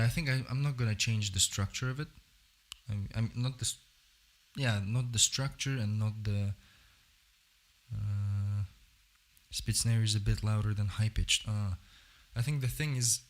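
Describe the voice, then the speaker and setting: A man's voice: on the low side, steady tone, slow pace, long pauses. A man chatting casually on a livestream about beatbox technique, often breaking off mid-sentence to demonstrate sounds. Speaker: beatbox streamer.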